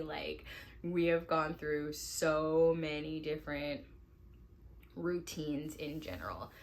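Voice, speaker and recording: A woman in her thirties talks to her camera at home in a loose, chatty vlog style, scattering "like" through her sentences. Her voice sits low for a woman, and a faint hiss hangs under it. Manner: relaxed, chatty, lots of "like" fillers. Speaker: lifestyle vlogger and mom. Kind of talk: casual vlog chat to camera. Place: at home indoors.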